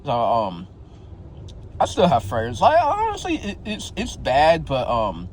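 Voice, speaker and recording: A vlogger in his twenties, lisping slightly, speaks slowly in a medium-pitched voice whose pitch swoops wildly. Sharing his experience casually to camera, he's candid and slangy, often restarting and tagging phrases with "bro" and "yo," on a low-quality recording with slight background noise.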